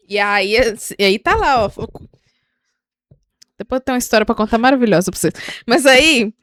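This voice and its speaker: A fairly high-voiced woman talking about her small son in casual faith-based chat. She tells stories in an animated way, acts out the lines of the people in them and breaks into laughter often. The sound is close and dry. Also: moderate pace, pauses often, no echo. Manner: animated storytelling, acting out quotes and laughing often. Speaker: podcast co-host.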